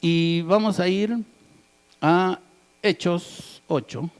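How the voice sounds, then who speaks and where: A man's voice: sits high, very slow, clear, resonant tone. A male pastor preaching a sermon, asking the congregation questions and tagging his points with "right?" and "amen". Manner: asks the congregation rhetorical questions, tags "¿verdad?" and "amén".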